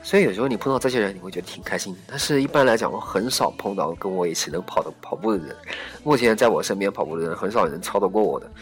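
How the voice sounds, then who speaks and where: Male podcast host, low voice, quick rambling delivery, faint music underneath. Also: lively intonation. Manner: rambling, many fillers and restarts. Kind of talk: casual solo podcast talk.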